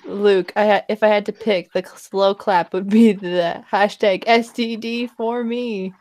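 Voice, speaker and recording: A woman's voice: mid-range voice, fairly even intonation, unhurried, darkish tone. A woman chatting casually as a podcast panelist. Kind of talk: casual chat.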